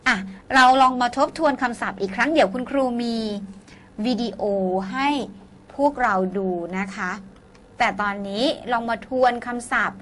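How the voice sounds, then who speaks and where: A woman teacher giving a classroom lesson, leading the students through vocabulary drills with slow, clear model words. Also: on the high side, fairly bright tone, slight background noise.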